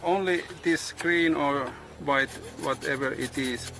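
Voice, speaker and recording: A middle-aged non-native English speaker vlogs outdoors on a tropical farm, narrating casually in halting English full of pauses and uh's. His voice is on the high side, the background is noisy, and he films with a handheld selfie camera at arm's length and a tripod camera.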